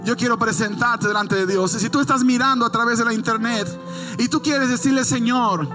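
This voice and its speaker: A man's voice: very high voice, steady tone. A middle-aged man preaching a sermon in church, building emphatic, stressed lines and shifting into casual storytelling, with faint music behind. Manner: tells a family anecdote in quick, casual storytelling. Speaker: pastor.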